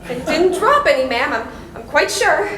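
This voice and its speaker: A woman's voice: high voice, big pitch swings, normal speed, pushed and bright, a little hiss or hum, heavily acted. A woman playing a timid young governess on a stage, answering in a meek, deferential way, recorded in an echoey hall. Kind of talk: stage play performance. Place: school stage before an audience. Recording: echoey hall with faint ambience.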